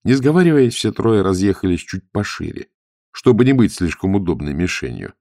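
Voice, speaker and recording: A man narrating an adventure audiobook with vivid, expressive storytelling. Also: on the low side, normal speed, no room sound, clean studio sound.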